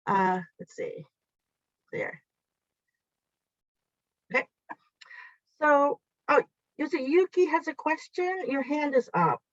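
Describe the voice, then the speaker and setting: Her voice is high and sing-song, her pace slow with long pauses, and there's no room sound. This woman, whose first language is Japanese, presents an online teacher workshop chattily and encouragingly, guiding listeners step by step over dull, lo-fi video call audio.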